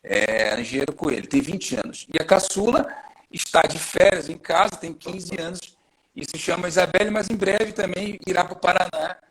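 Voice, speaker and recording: A man's voice: sits high, normal speed, a bit bright, breathy edge, low-quality recording. A man, a guest telling his personal testimony in a friendly, chatty way on a live podcast. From Rio de Janeiro, Brazil. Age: 40s. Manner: friendly, chatty, self-introducing at length.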